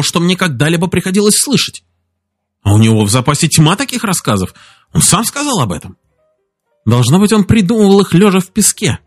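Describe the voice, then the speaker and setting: A man voicing a stubborn, eager male traveller who protests insistently. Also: fairly high pitch.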